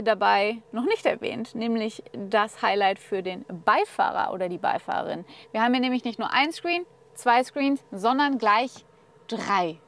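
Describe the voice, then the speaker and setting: Female car reviewer, slightly high voice, chatty and upbeat, filmed inside a car. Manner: chatty, upbeat, addresses viewers directly. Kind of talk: casual car walkthrough.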